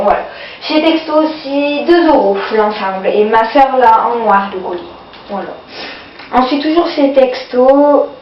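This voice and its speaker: A woman with a cold and a runny nose casually walks through her haul of sale purchases, her voice on the high side. She hesitates a lot, fills gaps with fillers and keeps saying "voilà." It's an echoey, distant, dull lo-fi home video with slight background noise.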